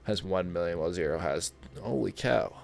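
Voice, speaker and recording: A man with a low, deep voice talks loosely to his viewers while gaming. His chat is rambling and laid-back, full of asides. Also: a little fast, vocal fry, darkish tone, a little hiss or hum. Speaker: streamer. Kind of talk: casual gaming stream chat.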